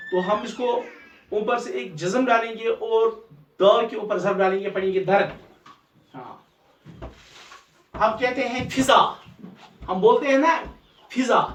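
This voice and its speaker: A male teacher carefully sounds out word after word, repeating each one for his students. He is heard from a distance in an echoey room. Faint background noise runs beneath his voice. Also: high-pitched. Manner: slow, repetitive, drills correct pronunciation of each word. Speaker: Urdu teacher. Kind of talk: recorded pronunciation lesson. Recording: distant mic in a roomy space, faint ambient noise.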